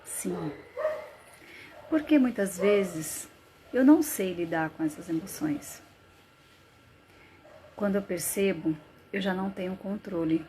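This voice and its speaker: A woman's voice: mid-range voice, dark tone, close to an everyday voice. A woman voicing a panicked, pleading sufferer. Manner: halting, pleading, questioning herself. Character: anxious adult woman tormented by panic attacks. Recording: noisy live-stream audio.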